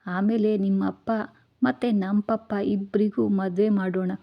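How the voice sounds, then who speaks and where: A woman's voice: medium pitch, fairly even intonation, a little slow, creaky, muffled recording. A woman voicing a tipsy, playful young woman who is clingy and teasing, reading her lines from a storybook with childlike questions.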